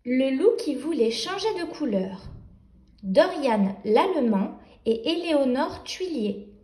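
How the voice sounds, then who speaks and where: A woman gently reading a picture book aloud for young children. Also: high-pitched, big pitch swings, slow, echoey room. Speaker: storyteller.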